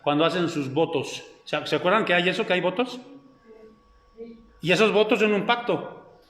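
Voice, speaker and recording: A man's voice: high-pitched, moderate pace, fairly bright tone. A man preaching a sermon as pastor, who keeps putting questions to the congregation. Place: church hall. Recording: echoey hall with long reverb.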